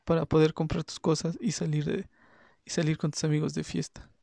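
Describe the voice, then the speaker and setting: A stern father laying down the law in a firm, lecturing tone, read by a man. His voice is mellow and gravelly, set in a dry, close sound with no room echo. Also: fairly high pitch, flat delivery, fairly quick. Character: stern angry father scolding his son.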